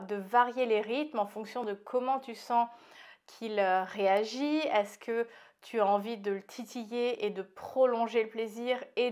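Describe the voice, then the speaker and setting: A woman with a slight lisp on her s sounds from dental aligners, giving informal, direct advice to viewers as a channel host. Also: fairly high pitch. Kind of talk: informal advice talk to camera.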